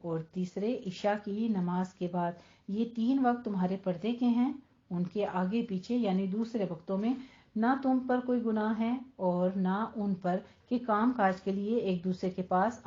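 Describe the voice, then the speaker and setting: A woman teaching Quran recitation rules in a tajweed lesson, explaining slowly and drilling words over and over. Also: medium pitch, warm tone, lo-fi sound. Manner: slow, instructive, drills words repeatedly.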